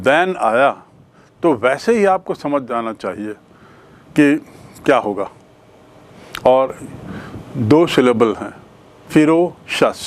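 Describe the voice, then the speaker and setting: A man with an Indian English accent teaching a grammar lesson, asking questions and answering them himself. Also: fairly high pitch. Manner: explains slowly, asks and answers his own questions.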